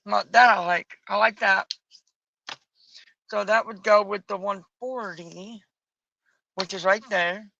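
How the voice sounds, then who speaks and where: A woman streaming from home, chatting casually and musing aloud as she colors, with a bit of rough morning voice. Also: medium pitch, steady tone, slow, long pauses, bright, forceful tone, no echo, dull audio. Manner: muses aloud, picky and chatty, folksy asides. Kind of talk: casual chat while coloring. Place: home at night.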